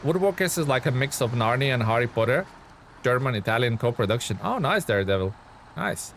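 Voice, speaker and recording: On a live game stream, a Lithuanian man chats loosely, reading viewer comments aloud and answering them with lots of fillers. His mid-range voice is expressive, slightly quick and a bit bright, with a faint hiss or hum underneath.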